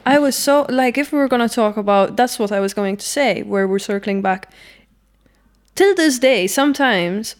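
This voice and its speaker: A woman's voice: on the high side, normal speed. A woman hosting a podcast, speaking openly and casually, with frequent "like" and "you know". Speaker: podcast host.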